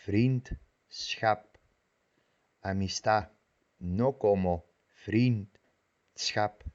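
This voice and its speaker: A man with a lowish voice delivers a scripted language lesson at a very slow, deliberate pace. He says each vocabulary word several times over before explaining it. The recording sounds dull and lo-fi. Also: darkish tone. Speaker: language teacher.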